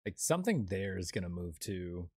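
Casting: young adult game streamer, rambling chat, lively pitch, dry close sound. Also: moderate pace, husky, dry recording. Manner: rambling, many fillers and restarts. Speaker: streamer playing a horror game. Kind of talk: casual chat while gaming.

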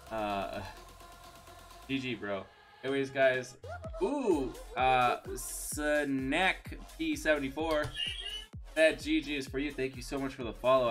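A man's voice: medium pitch, a bit bright. A man streaming live, chatting casually and thanking viewers, rambling with many fillers and restarts.

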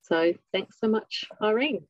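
A woman's voice: mid-range voice, lively intonation, a little slow, no room sound. A woman with an Australian accent chairing an online conference session, friendly and informal. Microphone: video call. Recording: dull, dry lo-fi audio.

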